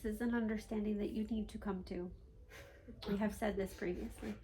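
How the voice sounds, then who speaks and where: A woman voicing a calm, authoritative spirit guide as a trance medium, in formal stilted phrasing that often ends on a questioning "yes?". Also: mid-range voice, a little fast, lightly acted. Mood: firm, insistent. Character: calm, authoritative male spirit guide teaching human seekers. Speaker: trance channeler. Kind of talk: seance medium channeling a spirit guide, teaching. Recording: faint background noise.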